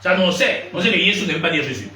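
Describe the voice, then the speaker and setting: High-pitched and rapid-fire, this preacher from Gabon keeps questioning his congregation in a lively, probing sermon. The recording is noisy, captured from a distance in an echoey room.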